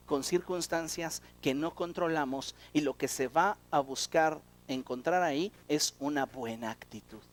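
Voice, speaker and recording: High-voiced animated preacher man. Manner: animated preaching with rhetorical questions. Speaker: pastor. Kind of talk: sermon.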